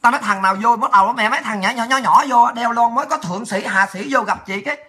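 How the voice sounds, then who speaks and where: A woman delivers a profane ranting monologue. She talks very fast and brashly, and her voice is piercing and hard-edged. Laughter and shouts keep breaking through. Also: fairly high pitch. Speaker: political livestreamer.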